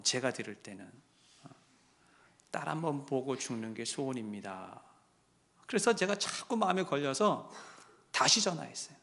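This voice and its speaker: A male pastor telling a story in his sermon, dropping to a hush and then rising loud and impassioned. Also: a little high. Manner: swings from hushed to loud and impassioned.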